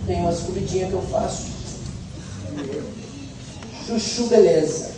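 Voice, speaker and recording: A middle-aged man from Brazil with a high voice, preaching in a church hall with humor and a chatty, storytelling manner. He sounds far from the mic in a very echoey hall, with faint noise behind him. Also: a little slow. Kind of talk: sermon.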